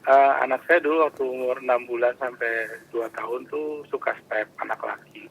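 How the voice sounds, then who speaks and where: A man's voice: medium pitch, fairly even intonation, normal speed, gravelly. A man phoning in, asking questions in a respectful, hesitant way. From Jakarta. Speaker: caller, a father asking advice. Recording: dull phone line, faint noise.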